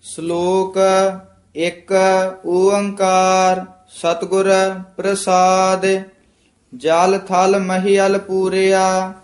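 A man reciting scripture for a teacher in a slow, drawn-out, monotone way. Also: high voice. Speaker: student reciter.

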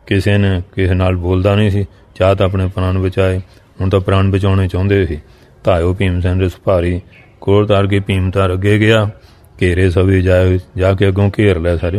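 A low-voiced man leads a religious discourse, chanting a line of old verse and then explaining it in everyday speech. His delivery stays in a narrow, flat band of pitch. He speaks straight to his listeners as a preacher. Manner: recites old verse lines, then glosses each in plain speech; addresses listeners directly. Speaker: Sikh katha preacher. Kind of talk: scripture exposition, reciting verse then explaining.

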